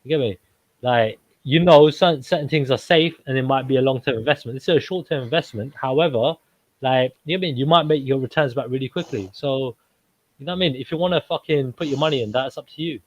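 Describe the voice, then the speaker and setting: A man's voice: medium pitch, quick pace. A man chatting casually in a panel debate, emphatic and repetitive, using heavy slang. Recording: muffled lo-fi audio.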